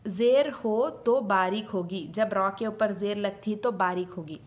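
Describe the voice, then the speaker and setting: A woman teaching rules of Quranic letter sounds, explaining patiently and repeating each point, drawing out sound examples slowly. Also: medium pitch, muffled recording. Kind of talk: Quran recitation rules lesson.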